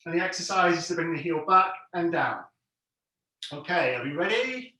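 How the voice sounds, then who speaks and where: A man's voice: fairly high pitch, expressive, moderate pace, bright, forceful tone. A man instructing an exercise class, giving encouraging, plain step-by-step cues and counts. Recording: very echoey room, distant mic.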